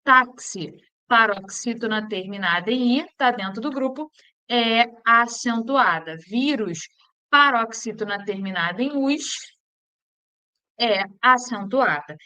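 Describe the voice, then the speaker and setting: Brazilian teacher drilling grammar rules. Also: female voice, fairly high pitch, pushed and bright. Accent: Brazilian Portuguese. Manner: drills with questions, slowing to spell out rules. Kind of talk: exam-prep grammar lesson.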